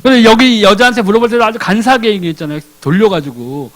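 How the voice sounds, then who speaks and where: A man's voice: high-pitched, fast, a bit bright, rough recording. A man preaching a sermon as a deacon. He asks questions and answers them himself, and acts out the characters in casual speech.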